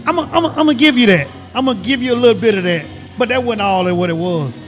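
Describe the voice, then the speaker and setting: Mississippi-accented man, emphatic and slow. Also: sits high, expressive, faint music behind. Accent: Mississippi Southern. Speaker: guest, retired government agent. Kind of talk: casual interview.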